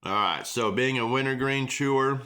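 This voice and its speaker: A man's voice: medium pitch, moderate pace, pushed and bright. An American man giving a casual, emphatic, repetitive product review, talking with a lip full of dip. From small-town United States.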